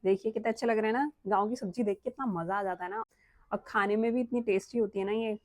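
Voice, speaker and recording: A woman's voice: mid-range voice, quick pace, no echo. A young woman from Uttarakhand, vlogging at home, chatty and earnest, pressing her points with rhetorical questions. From Uttarakhand, India. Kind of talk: casual vlog talk to camera.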